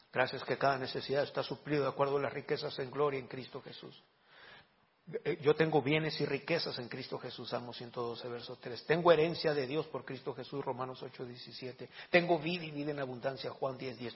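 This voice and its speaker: A man's voice: mid-range voice, a little fast. A man preaching a conversational sermon as a pastor, asking rhetorical questions and often repeating words as he goes. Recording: dull lo-fi recording.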